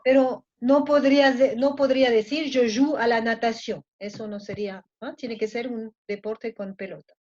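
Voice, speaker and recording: A woman's voice: fairly high pitch, fairly even intonation, normal speed, few pauses, darkish tone. A woman with a Mexican accent teaching a French class in Spanish, often checking that students follow. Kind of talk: online class lecture. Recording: muffled lo-fi audio.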